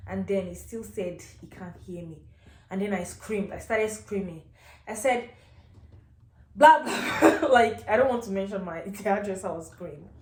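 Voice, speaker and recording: A woman's voice: medium pitch, normal speed. A woman with a Nigerian accent telling a casual story as a rant, exasperated and emphatic, repeating phrases for effect. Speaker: vlogger. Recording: echoey, reverberant room sound.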